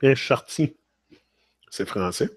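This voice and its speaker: Speaking slowly in a husky, mid-range voice with lively intonation, a native French speaker from Quebec chats casually with livestream viewers and reads their comments. He moves between English and French mid-thought, tags phrases with "là", and there's no echo.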